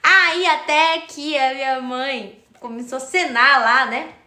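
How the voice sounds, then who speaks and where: Bright, high-voiced woman telling a story. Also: slow, reverberant. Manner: chatty, addresses viewers, thanks commenters by name. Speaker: live streamer. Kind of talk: casual storytelling live stream.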